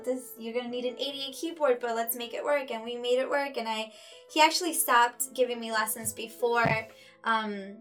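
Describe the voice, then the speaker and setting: A woman in her thirties, born in Ecuador, speaks in a fairly high, slightly bright voice during a casual interview. Founder of a music school, she tells her story earnestly, with many fillers and restarts.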